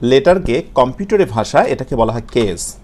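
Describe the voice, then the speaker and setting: Lively Bengali-accented man teaching English letters. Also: medium pitch. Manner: repeats sounds slowly, asks and answers his own questions. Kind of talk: video lesson on English letters and pronunciation.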